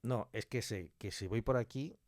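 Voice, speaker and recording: A man appears as a podcast guest to talk about his creative work as an audio fiction writer and director, emphatic and fond of acting out short quotes in an animated interview. His pitch is fairly low and his tone darkish, at a moderate pace. The studio-quality recording has no echo.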